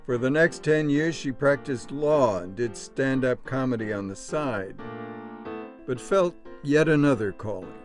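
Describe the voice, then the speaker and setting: A man narrating a news feature in an even, measured reading. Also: medium pitch, music in the background.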